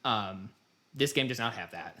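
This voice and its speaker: The American podcast host's voice is fairly low, animated and pushed, with a bright edge, moving at normal speed. He rambles wryly through a casual conversation.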